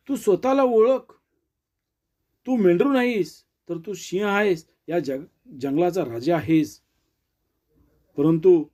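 A man tells a motivational story in a high but mellow voice. He speaks earnestly and lifts his pitch on key words. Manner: earnest, with rising emphatic stresses.

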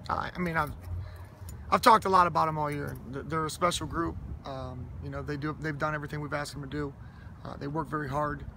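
A high school football head coach answers interview questions outdoors by a school stadium, his gravelly voice a little high, a little fast, steady and rather flat. Earnest and humble, he restarts sentences and pads his answers with fillers. Outdoor noise and passing traffic hum behind him.

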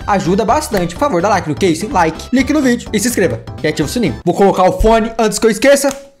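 A man giving playful, excitable gameplay commentary as a gaming YouTuber, full of exclamations. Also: sits high, fast, soft background music.

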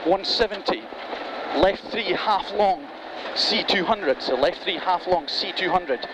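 Very loud car noise surrounds a man with a high-pitched voice. He is a rally co-driver reading out rapid pace notes from inside the moving car. His delivery is clipped and urgent, with instructions repeated for the driver.

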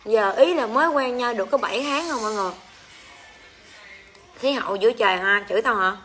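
Hosting a casual livestream, a woman with a Southern Vietnamese accent rants crudely and exclaims as she rambles on to viewers. Her voice sits on the high side, brisk and a bit bright, with slight background noise; she sells on her stream.

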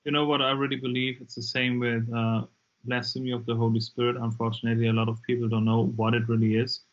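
A man's voice: medium pitch, flat delivery, fast. Man, German accent, non-native English, emphatic, repeats himself, earbud mic, dull lo-fi sound. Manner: emphatic, repeats words when pressing a point. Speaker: guest, deliverance minister. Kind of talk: casual interview talk. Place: dim room indoors. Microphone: earbuds on a video call. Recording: lo-fi video call audio.

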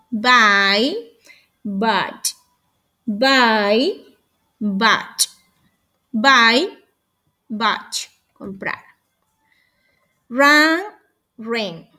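A woman's voice: on the high side, bright, forceful tone. A woman teaching English vocabulary, patiently repeating each word for students to echo and coaxing them along. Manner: affectionate, coaxing. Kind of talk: slow drilled vocabulary lesson.

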